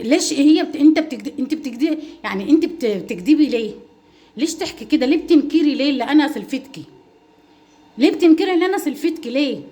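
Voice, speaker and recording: A middle-aged woman speaks in a livestream reply to her critics. Her voice is high and her talk rushes along. She pleads and presses each point, repeating herself for emphasis. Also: a little mellow. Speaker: mother and home-cooking vlogger.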